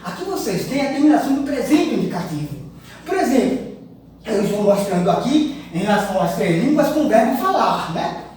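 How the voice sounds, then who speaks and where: A woman teaching a language lesson, explaining and slowly repeating verb conjugations with frequent chuckles. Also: a little high, big pitch swings, a little mellow. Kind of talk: recorded online language lesson. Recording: echoey room, mic far off, faint noise.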